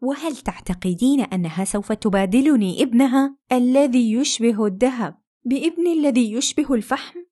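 A woman's voice: fairly high pitch, sing-song, a little fast, warm tone, slightly rough. A woman voicing a young princess and mother in a fairy tale, fearful and sarcastic by turns. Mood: anxious, haughty. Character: anxious proud princess, young mother, sharp-tongued.

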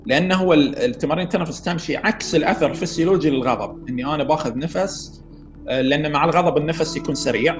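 A man, a psychiatrist guest who explains patiently with everyday examples and frequent pauses to find the word. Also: a little high, muffled recording. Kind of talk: casual expert explanation.

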